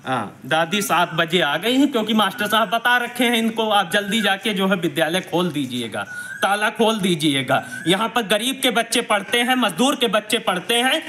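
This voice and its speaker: A man, a social activist, reporting indignantly and emphatically while walking around a village primary school, speaking loudly to the camera. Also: high-pitched, animated, normal speed, reverberant, slight background noise. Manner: indignant, emphatic, loud denunciation. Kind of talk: on-the-spot investigative video report.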